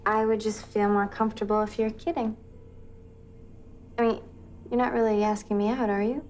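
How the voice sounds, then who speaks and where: A woman's voice: mid-range voice, little pitch movement, normal speed, a little mellow, slight background noise, natural voice. An actress playing a kindly young woman in a film, talking in a conversational, tactful way. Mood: uneasy, gentle. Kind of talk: naturalistic film acting.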